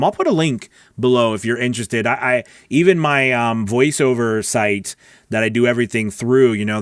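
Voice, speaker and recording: A middle-aged man hosts a livestream as a coach, chatting casually and directly while answering questions. His fairly low, smooth voice comes through a close broadcast mic on a boom arm in a small home recording studio, with no echo.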